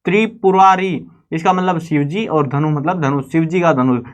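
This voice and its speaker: Male teacher, explanatory lesson delivery; slow verse reading, relaxed asides, fairly high voice. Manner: recites verses slowly, then explains in chatty asides. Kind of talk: casual line-by-line explanation of a poem.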